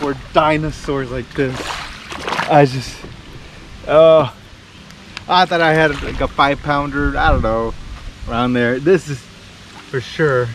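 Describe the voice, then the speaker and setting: A man commenting excitedly from a small boat on a river, exclaiming as he talks to his viewers. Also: mid-range voice. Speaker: fishing vlogger. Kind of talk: casual vlog commentary. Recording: wind and boat noise behind.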